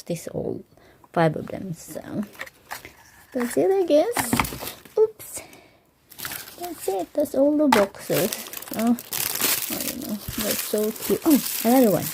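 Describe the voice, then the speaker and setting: Slow, gravelly-voiced woman gushing over little things. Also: medium pitch, background noise. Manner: excited, gushing, often drops to whispers. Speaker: vlogger. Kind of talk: casual unboxing vlog. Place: home, bedroom at night.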